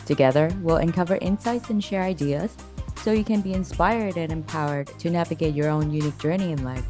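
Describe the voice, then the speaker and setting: A woman's voice: deep voice, a little fast, over music. A woman hosting a podcast, reading a scripted intro and then interviewing a guest in a friendly, inviting way. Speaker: podcast host.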